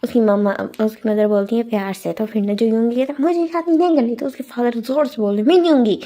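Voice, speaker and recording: A woman's voice: on the high side, mellow. A young woman casually retelling a fanfiction story, chatty with lots of fillers and English words thrown in.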